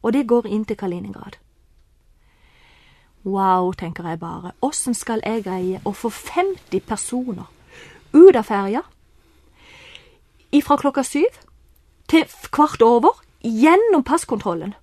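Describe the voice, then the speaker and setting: A woman telling a lively personal story, excited bursts mixed with quieter asides. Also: on the high side, no room sound, studio quality. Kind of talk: animated personal anecdote.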